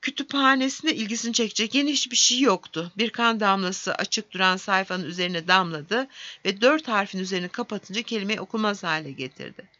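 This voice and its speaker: A woman narrating a fantasy audiobook in a steady storytelling manner. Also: medium pitch, brisk, no room sound, highs cut off.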